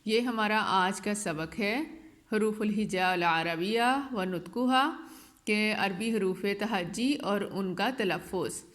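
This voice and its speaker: A woman's voice: medium pitch, a bit bright. Careful woman teacher stressing each sound. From Pakistan. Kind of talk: recorded online lesson.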